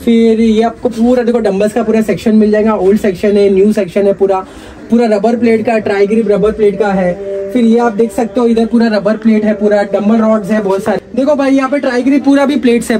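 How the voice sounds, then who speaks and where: Fast-talking high-voiced seller. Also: male voice, dark tone. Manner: rapid repetitive sales patter. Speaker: gym equipment seller. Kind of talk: sales pitch walkthrough. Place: cluttered indoor shop full of weights.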